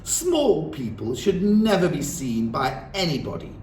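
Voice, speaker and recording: A man's voice: fairly high pitch, wildly swooping pitch, a little mellow, a little hiss or hum, voice pushed up. Man playing a towering female headmistress tyrant: raised, swooping, bellowed threats; storybook reading from a distant mic in a roomy space. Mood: contemptuous. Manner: bellowing, barking, drawn-out threats.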